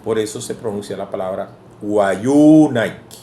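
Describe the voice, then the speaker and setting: A male language teacher with a Venezuelan Spanish accent, giving a deliberate lecture in which he sounds out syllables one at a time. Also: lowish voice, warm tone. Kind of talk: explanatory lecture. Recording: echoey room with faint background hiss.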